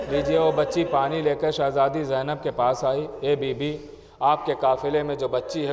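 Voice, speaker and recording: A man, a cleric telling a mourning story in a sermon with emotive, dramatic delivery. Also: medium pitch. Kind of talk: majlis sermon narration. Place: mourning gathering hall. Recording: long hall reverb.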